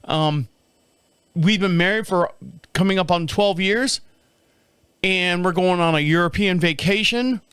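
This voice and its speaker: A man's voice: high-pitched, a little slow, long pauses, a bit bright, smooth, no room sound. A man in his fifties hosting a solo podcast from a studio, rambling and repeating himself, laughing often. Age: 50s. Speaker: podcast host. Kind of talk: casual solo monologue.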